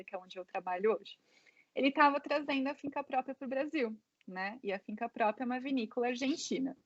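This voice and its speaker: Speaking as an interview guest, a Brazilian woman in her thirties shares her story in a Brazilian Portuguese accent. Her voice sits on the high side, and her talk is chatty and full of fillers such as "né" and "é." There's no echo, though the sound is dull.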